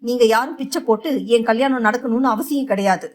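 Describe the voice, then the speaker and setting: A woman voicing a fierce, outspoken young woman in an audio novel, giving sharp, defiant retorts. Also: a little high, fast, natural voice. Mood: scornful.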